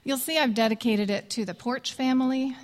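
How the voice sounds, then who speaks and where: Earnest woman songwriter, gently reflective. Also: high voice, fairly even intonation, brisk. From Indonesia. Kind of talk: spoken introduction to a worship song. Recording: long reverb with soft music behind.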